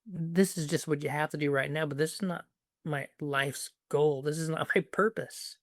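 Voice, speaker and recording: A man hosting a casual conversation, telling stories in an animated way and laughing easily. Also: on the high side, no room sound, studio quality. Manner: animated storyteller, quick to laugh. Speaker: host.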